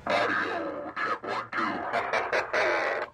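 A man doing a mic check through a CB radio's voice changer, his voice pitch-morphing with added echo. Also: bright, forceful tone, a little hiss or hum, exaggerated voice. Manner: slow, drawn-out mic check. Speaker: CB shop owner demonstrating a radio.

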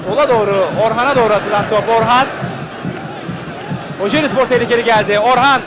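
A man giving live football play-by-play in clipped phrases, calling out players' names and shouting excitedly at chances. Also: very high-pitched, a little fast. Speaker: football commentator. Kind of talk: live play-by-play match commentary. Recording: loud crowd and noise behind. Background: stadium crowd.

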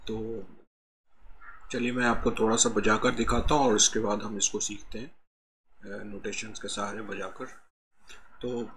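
Indian man, congested harmonica tutor, unhurried, sings note names, light background hiss. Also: lowish voice. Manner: calm, slow explaining, sings out note names. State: has a cold, voice a bit heavy. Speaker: harmonica teacher.

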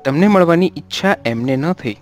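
Audiobook role: man doing a stern, composed holy man, measured counsel, mid pitch, faint music bed. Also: natural voice. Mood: admonishing. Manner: steady admonishing, then gentle.

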